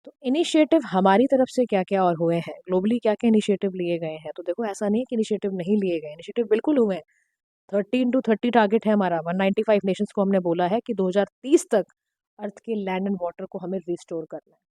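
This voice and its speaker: A woman teacher, giving an exam-prep lecture in a direct, instructive way, her throat slightly hoarse. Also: mid-range voice, fast talker, dark tone, no echo. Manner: direct, instructive, mixing Hindi and English. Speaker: current affairs teacher.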